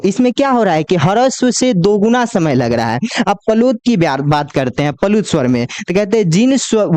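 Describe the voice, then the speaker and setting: A man teaching Hindi grammar in a coaching class, who asks the class questions, answers them himself and draws the letters out slowly as he lists them. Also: sits high, a little mellow, smooth, no echo. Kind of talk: classroom lecture.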